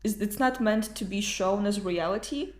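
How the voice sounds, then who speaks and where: A woman's voice: mid-range voice, moderate pace. A woman co-hosting a casual, informal film discussion, swearing now and then. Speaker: podcast co-host. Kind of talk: casual chat about films. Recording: roomy echo.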